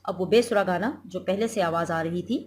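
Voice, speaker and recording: A woman's voice: lowish voice, a little fast, a little mellow. A woman school teacher giving a recorded lesson, explaining a literature text by repeating and glossing words.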